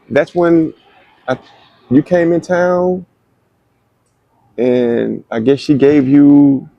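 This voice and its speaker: A man from Miami in a relaxed chat, telling how he met his partner and acting out what people said. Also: vocal fry, no echo, lo-fi sound. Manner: animated storyteller who acts out the quoted voices in a higher pitch. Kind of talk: casual storytelling chat.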